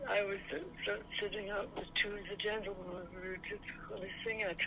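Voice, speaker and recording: A woman in her nineties chatting haltingly with family over a noisy telephone line. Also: medium pitch, little pitch movement. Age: 90s. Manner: halting, slightly muddled. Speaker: mother on a phone call. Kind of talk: casual family chat.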